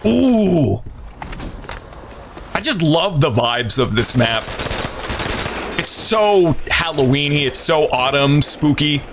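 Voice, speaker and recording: A man's voice: a little high, slow. A man giving casual, playful live gameplay commentary and chatting to his viewers. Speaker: game streamer. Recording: game gunfire noise behind voice. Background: video game sounds and gunfire.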